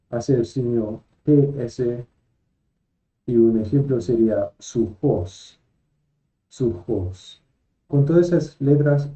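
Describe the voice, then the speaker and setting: Male teacher, patient, repeats each example, very dark mellow tone, dull lo-fi sound. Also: medium pitch. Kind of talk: slow lesson, spelling out letters and sounds.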